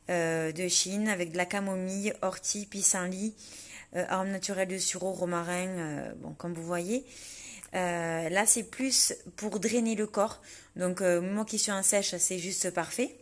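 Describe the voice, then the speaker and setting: Chatty French-speaking woman vlogging. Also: mid-range voice. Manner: chatty and relaxed, many fillers. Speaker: vlogger preparing for a fitness competition. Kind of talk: casual vlog narration.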